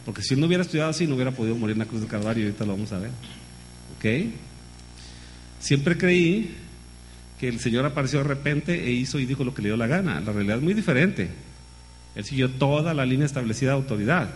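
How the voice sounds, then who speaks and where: A man delivers a sermon in an even, mid-range voice, leaning on rhetorical questions and calling his listeners brother. His delivery is lively and direct, with a faint hum behind him. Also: medium pitch, fast. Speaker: preacher.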